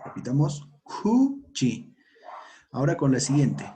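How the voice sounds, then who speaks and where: A man teaching a language lesson, saying each sound and word slowly and repeating it for learners to copy. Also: mid-range voice, mellow, a little hiss or hum. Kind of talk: slow pronunciation lesson.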